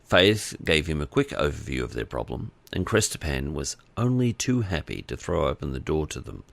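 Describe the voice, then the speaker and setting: Deep gravelly male audiobook narrator. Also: very animated, normal speed, a bit bright, no echo.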